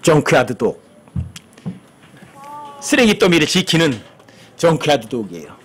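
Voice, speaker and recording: A man's voice: a little high, big pitch swings, measured pace, a little hiss or hum. A man preaching a sermon as pastor, asking the congregation questions and acting out the lines he quotes.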